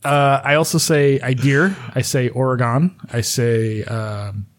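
A man's voice: mid-range voice, fairly even intonation, measured pace. A man from New York State with an American accent, co-hosting a podcast in casual, profane banter with an offhand, wry manner. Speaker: podcast co-host.

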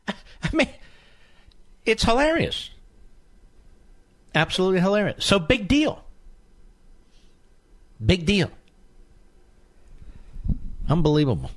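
A man's voice: high voice, fairly bright tone. Indignant male talk radio host. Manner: indignant, sarcastic, mocking opponents. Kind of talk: combative talk radio monologue.

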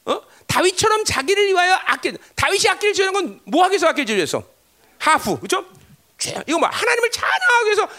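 A man preaching a sermon, emphatic, constantly asking the congregation for agreement. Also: sharp tone. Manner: emphatic, pitch swinging widely, constant tag questions to the congregation. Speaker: pastor.

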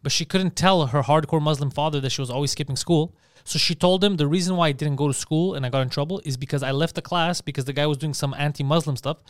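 A man in his thirties, chatting casually on a podcast, profane and animated. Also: fairly high pitch, quick pace, hardly any pauses, clear, resonant tone, dry recording, clean studio sound. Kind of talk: casual chat.

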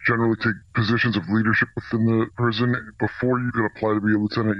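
A man working as a corrections officer answers radio interview questions in a plain-spoken, halting way, his voice disguised to sound deeper. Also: no echo, muffled recording. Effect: voice disguised to protect anonymity, deepened. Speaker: corrections officer, senior officer specialist.

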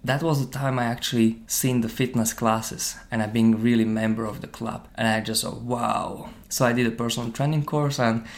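A man's voice: medium pitch, steady tone, normal speed, hardly any pauses. A man from Slovakia who speaks English as a second language, a personal trainer telling his story in an interview in a thoughtful way with many fillers. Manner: non-native phrasing, thoughtful with many fillers.

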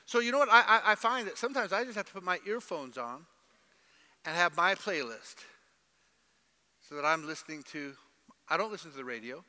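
A man's voice: high-pitched, animated, a little fast, long pauses, sharp tone, long reverb tail. A middle-aged man preaching a sermon in a church, emphatic, with mimicked voices. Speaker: pastor.

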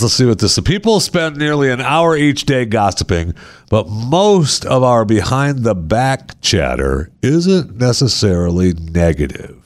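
A man co-hosting a casual chat show, reading odd news stories aloud, laughing often and putting on mocking voices. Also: mid-range voice.

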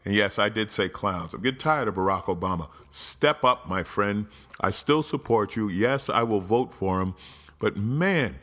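A man hosting a political talk show, ranting with sarcasm and exasperation, his voice jumping up in loud outbursts. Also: low voice, husky. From United States.

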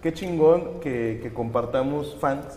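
A man's voice: medium pitch, slow pace, a crowd in the background. A Mexican man hosting a casual podcast, joking crudely and reading out listener greetings. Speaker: podcast host. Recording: echoey room with long reverb.

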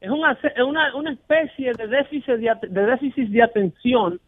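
A man's voice: extremely high pitch, fairly quick, no room sound. A man hosting a radio show in casual Spanish-language talk, emphatic and opinionated, acting out the callers he quotes. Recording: dry, narrow phone-like sound.

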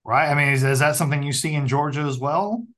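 A man with an Ozark accent talking casually as an interviewer, in a halting, self-interrupting way. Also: fairly high pitch, a bit bright. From Southwest Missouri Ozarks, USA.

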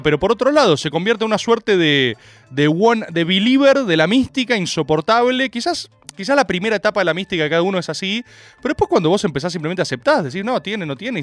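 A man's voice: high-pitched, no echo. A young Argentine man with a Rioplatense accent hosting a comic political monologue, rambling and ironic, laughing at his own jokes. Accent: Rioplatense Spanish.

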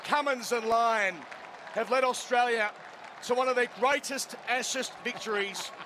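A man's voice: very high-pitched, unhurried. A man giving live ball-by-ball radio cricket commentary, describing each stroke and score. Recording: crowd and stadium noise behind. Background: cricket ground crowd.

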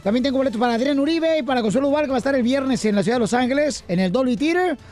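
A man's voice: very high voice, expressive, racing, a little mellow, soft background music. A man hosting a comedy radio show, bantering playfully in slang. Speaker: radio host.

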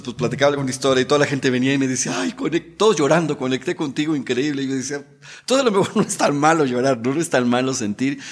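A middle-aged man, a guest telling his story in an emotional way, repeating words and adding tag questions. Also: mid-range voice. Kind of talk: storytelling interview talk.

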